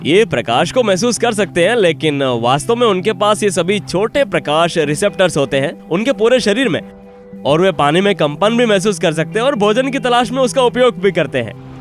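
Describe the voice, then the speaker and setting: A man presenting an outdoor wildlife show in an excited, explaining way, exclaiming often. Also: high-pitched, normal speed, faint music behind. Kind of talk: Hindi dub of an outdoor wildlife vlog.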